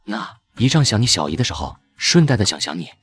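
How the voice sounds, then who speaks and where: A teasing young uncle and company boss, played by a man in a cartoon drama. His voice sits very low but swings widely, and he talks fast in a playful, ribbing way. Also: big pitch swings, breathy edge, dry recording.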